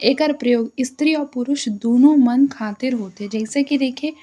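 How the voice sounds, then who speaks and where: A woman teacher giving an exam-prep language lesson, explaining slowly and repeating each term with a frequent "okay". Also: high-pitched, mellow. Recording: dull lo-fi audio.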